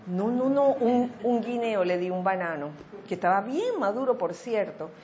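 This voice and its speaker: A woman co-hosting a casual talk, telling a story with animated quoted voices. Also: mid-range voice, normal speed. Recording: slightly dull audio with faint noise.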